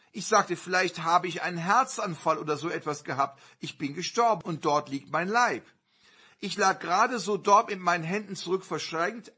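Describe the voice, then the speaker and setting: A man preaching a sermon, telling a personal story earnestly with sudden loud surges. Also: high-pitched, husky.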